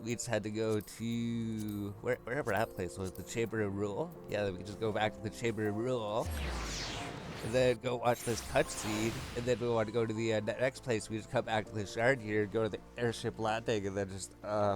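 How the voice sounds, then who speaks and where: Game music plays as a man casually thinks out loud through a walkthrough. His voice is lowish, his intonation fairly even, and he talks a little fast.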